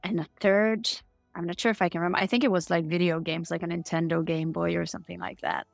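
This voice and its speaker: A woman's voice: on the low side, steady tone, fast, creaky, no room sound, soft background music. Upbeat Norwegian woman guest, dry sound. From Norway. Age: middle-aged. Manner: upbeat, candid, answers briefly. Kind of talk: casual interview answers. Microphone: remote call.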